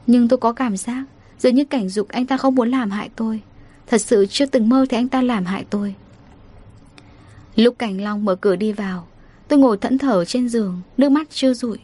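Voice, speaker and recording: A woman narrates a first-person story. Her reading is steady and emotive, at a middling pitch. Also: slightly rough.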